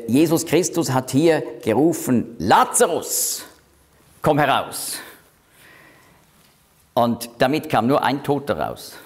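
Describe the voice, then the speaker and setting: A man leading a Bible study group. He speaks slowly and deliberately, pausing often with small fillers as he works through the verses. His voice sits in an ordinary middle range. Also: mid-range voice. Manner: slow, deliberate explaining with frequent fillers.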